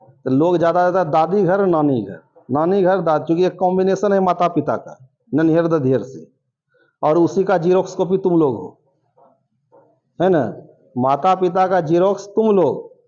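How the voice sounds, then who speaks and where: A man's voice: fairly high pitch, lively intonation, moderate pace, pauses often, a little mellow, lo-fi sound. A man teaching a classroom lecture, drilling sounds aloud and quizzing his students. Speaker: coaching teacher.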